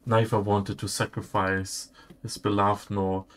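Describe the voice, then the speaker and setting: A man giving casual gameplay commentary, haltingly thinking aloud as he goes. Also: lowish voice, flat delivery. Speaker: video game player giving commentary.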